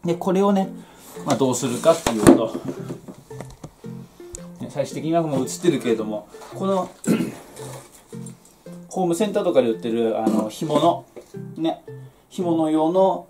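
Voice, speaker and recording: A man's voice: fairly high pitch, expressive, a little slow, pauses often. Folksy man. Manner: folksy, explanatory, talking while working with hands. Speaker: home vegetable grower and demonstrator. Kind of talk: casual how-to chat while working. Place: small cluttered indoor shed or workroom. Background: plucked guitar music.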